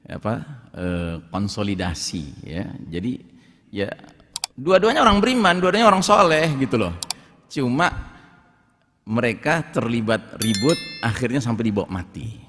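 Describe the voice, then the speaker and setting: A man's voice: lowish voice, unhurried, breathy edge, in a large hall. A male Islamic preacher giving a sermon in a folksy, conversational way, often adding tag questions to his points. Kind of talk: sermon storytelling.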